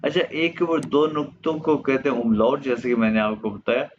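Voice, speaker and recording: A man whose first language is Urdu, teaching a German lesson slowly and patiently, repeating each word for his students. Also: mid-range voice, steady tone, lo-fi sound, background noise.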